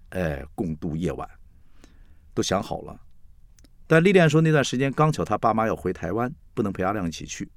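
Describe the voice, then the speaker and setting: A man, telling a comic story in a chatty, playful way with lively asides. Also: lowish voice, no room sound. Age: 60s. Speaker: storyteller host.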